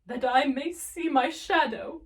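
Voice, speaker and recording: Woman playing Richard the Third, high-voiced gloating schemer. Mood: vain glee. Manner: theatrical, drawn-out, emphatic. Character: gloating scheming misshapen male villain, self-mocking Shakespearean duke. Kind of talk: classical Shakespearean stage soliloquy. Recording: voice distant from the mic.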